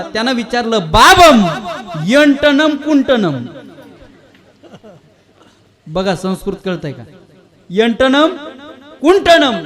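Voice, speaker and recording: Kirtan preacher, high voice, playful, quizzes the crowd. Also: male voice. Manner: animated, teasing, quizzes the audience. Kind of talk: humorous kirtan storytelling.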